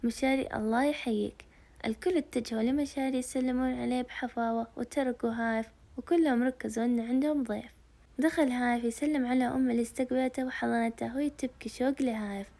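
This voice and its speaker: Fast-talking woman reading a novel. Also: on the high side, steady tone, warm tone. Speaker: narrator.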